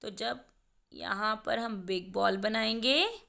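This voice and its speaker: Slow, bright-voiced woman teacher. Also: mid-range voice, vocal fry. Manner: slow, patient, spells out words sound by sound. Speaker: primary school teacher. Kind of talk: explaining a lesson to children.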